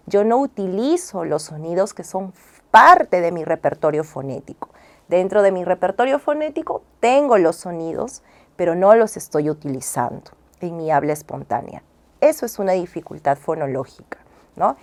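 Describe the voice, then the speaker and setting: A woman's voice: lowish voice, expressive, moderate pace. Woman speech therapist explaining step by step, patient teacher voice, lots of little check-in questions. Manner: acts out child sounds with syllable drills. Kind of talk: explaining as an interview guest.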